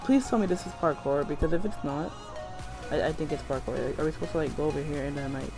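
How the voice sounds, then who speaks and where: Young male gaming host, higher-pitched, slangy and boastful rambling commentary over clearly audible music. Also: fast talker. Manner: rambling, slangy, self-hyping. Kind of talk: casual gameplay commentary.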